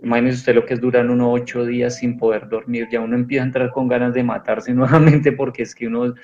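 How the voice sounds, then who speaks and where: A man's voice: mid-range voice, flat delivery, quick pace, darkish tone. A man giving an earnest personal testimony in an interview, rambling with many restarts. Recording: dull lo-fi sound with faint music.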